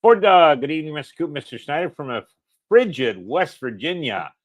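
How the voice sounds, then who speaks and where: A man's voice: fairly high pitch, very animated, fairly quick. A man co-hosting a casual livestream, reading out viewer comments and chatting in an easygoing, agreeable way. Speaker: livestream co-host.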